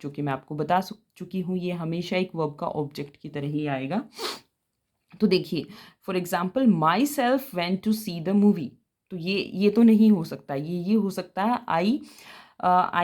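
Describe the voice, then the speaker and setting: Lower-voiced woman teaching grammar slowly. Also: warm tone. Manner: explains in Hindi, reads English examples slowly and deliberately; asks and answers her own questions, frequent "uh" fillers. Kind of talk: classroom-style grammar lesson.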